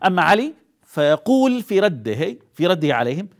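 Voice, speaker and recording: A man's voice: high voice, sing-song, fairly quick. A male TV presenter reading out social media posts with commentary, emphatic, with slips and restarts mid-phrase. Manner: emphatic, rising sharply when quoting posts. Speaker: TV segment presenter. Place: TV studio.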